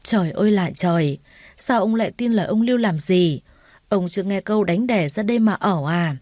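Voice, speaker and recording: A frugal older mother, distraught and scolding, as a woman reads her, pouring out rapid, wailing reproach in a mellow, warm voice. The sound is dry and close for the storybook reading. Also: medium pitch, no echo, natural voice.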